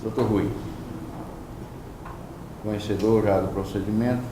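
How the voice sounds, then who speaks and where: Deep flat guy running a formal hearing, far off mic, lots of room noise. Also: measured pace. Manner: formal and courteous, addresses guest as doctor. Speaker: commission member leading the interview. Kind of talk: formal interview questioning. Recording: roomy, distant mic with noisy background.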